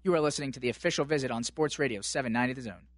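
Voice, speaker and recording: A man's voice: medium pitch, racing, dry recording, soft background music. A man hosting a sports radio interview from a studio.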